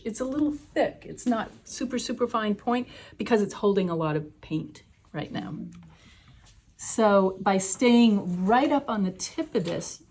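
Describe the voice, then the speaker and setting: Chatty woman teaching watercolor. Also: medium pitch. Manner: chatty, explains steps while painting. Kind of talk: live class demonstration.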